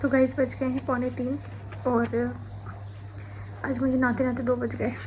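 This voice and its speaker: A woman's voice: high-pitched, little pitch movement, a little slow, darkish tone, a little hiss or hum. A young woman chatting to her viewers at home in a casual vlog, telling stories about her day. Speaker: vlogger. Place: at home, kitchen.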